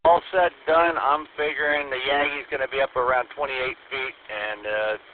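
A man's voice: mid-range voice, fairly even intonation, normal speed. Man chatting over a tinny CB radio. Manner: folksy, rambling, easygoing. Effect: two-way CB-style radio transmission. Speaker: amateur radio operator. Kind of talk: casual radio chat. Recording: tinny radio line with faint static.

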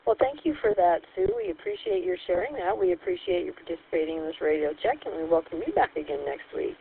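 A woman hosting a radio net check-in, heard over a two-way radio, speaking in a friendly, measured way with hesitant fillers. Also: on the low side, sing-song, vocal fry. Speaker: net control host. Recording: tinny two-way radio with faint static.

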